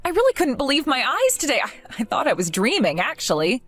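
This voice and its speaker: Earnest, wounded young woman, voiced by a woman; pleading, animated, fairly high. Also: fast, soft background music, heavily acted.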